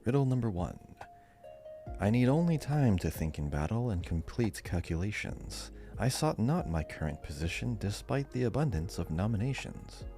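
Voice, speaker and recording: A man with a lowish, warm voice and big pitch swings speaks at a moderate pace. He co-hosts a podcast and runs a quiz in a casual, conversational way, with faint music playing behind him.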